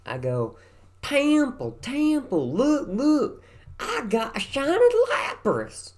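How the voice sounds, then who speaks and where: A man's voice: lowish voice, creaky. A tired man in his thirties talks casually to the camera in a light West Virginia country accent. He rambles and meanders, pokes fun at himself, and drifts into repeating his words. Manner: meandering and self-deprecating, trails off into repeated words. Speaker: vlogger.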